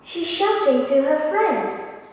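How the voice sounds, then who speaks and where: A scripted exam dialogue in a high, clear voice, calmly describing a picture. The audio is dull, heard from a distance in a strongly echoing room. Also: female voice, slow, exaggerated voice. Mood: plain. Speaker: speaker in a recorded listening-test dialogue. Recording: dull, echoey, far from the mic.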